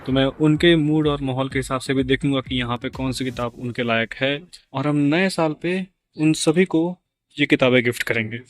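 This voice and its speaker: A man's voice: medium pitch, normal speed. A young man, making a joking vlog with wry asides as he wanders a book fair. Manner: joking, wry asides, switching between Hindi and English. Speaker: vlogger. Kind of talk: casual comic vlog narration.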